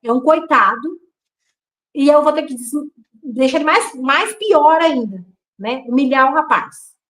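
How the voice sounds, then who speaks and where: A woman's voice: sits high, unhurried, low-quality recording. A woman from Brazil telling her own life story in a casual way, acting out the dialogue she quotes. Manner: animated, acts out quoted dialogue.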